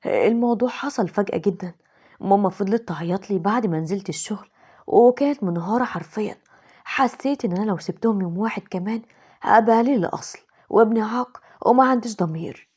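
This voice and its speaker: A woman doing an anxious young Egyptian husband who pleads and dodges, his fast, breathy, mellow voice rushing through excuses. The voice stays close to the storyteller's own. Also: medium pitch, natural voice. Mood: pleading.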